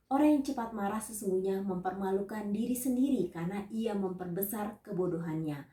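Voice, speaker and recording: A woman evangelist giving a scripted teaching sermon, reading out numbered points and Bible verses in a measured way. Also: medium pitch, dark tone, reverberant, far from the mic.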